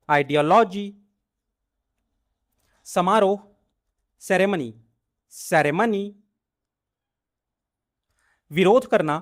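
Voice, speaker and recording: A man with a high-pitched voice works through a vocabulary list at a very slow, deliberate pace. He says each word, then repeats its English equivalent twice in an even, measured recitation, like a teacher running a drill. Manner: measured, evenly paced recitation.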